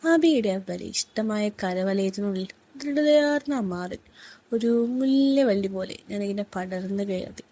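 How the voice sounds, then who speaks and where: A woman reading a first-person story aloud in a soft, unhurried, intimate way. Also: mid-range voice, lively intonation.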